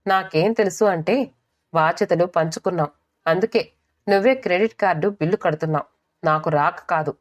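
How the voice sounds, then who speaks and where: A woman voicing a determined young wife who answers calmly and firmly in an audiobook story. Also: on the low side, normal speed, close to an everyday voice. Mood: resolute. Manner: calm, firm.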